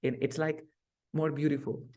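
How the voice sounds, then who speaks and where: A man teaching an online English class over a video call, explaining slowly and repeating key words. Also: fairly high pitch, level tone, a little mellow.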